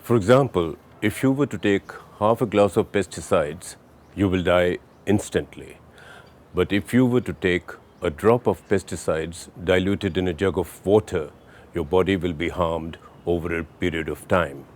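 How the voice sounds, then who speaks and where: A man's voice: low voice, moderate pace, darkish tone. A man explaining firmly and plainly in an interview. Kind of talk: explanatory talk.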